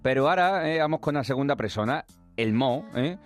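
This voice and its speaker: A man explains points of grammar on public radio at a medium pitch, speaking in a lively way and often turning to the listener with a quick check. Soft music plays faintly beneath his voice. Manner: lively, repeats questions and tags with "eh". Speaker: radio host teaching regional language.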